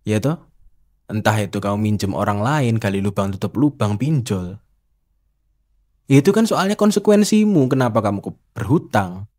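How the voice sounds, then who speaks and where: A man's voice: lowish voice, lively intonation, moderate pace, long pauses, darkish tone. A man hosting a casual spiritual monologue, teasing and rhetorical as he challenges the listener. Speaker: host.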